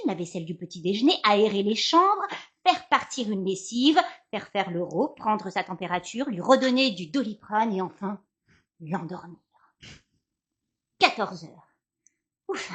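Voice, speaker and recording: A woman in her thirties performing a theatrical storytelling monologue as a guest columnist, swinging between loud and hushed delivery. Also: medium pitch.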